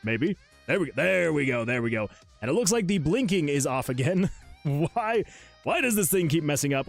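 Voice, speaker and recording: A man chats casually on his game development livestream, rambling and restarting his sentences as he sorts out his software. He laughs at himself often and keeps an easy, self-deprecating tone. He speaks into a desk microphone at a home setup, with faint music playing behind him. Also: medium pitch. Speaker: solo game developer and streamer. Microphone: USB desk microphone.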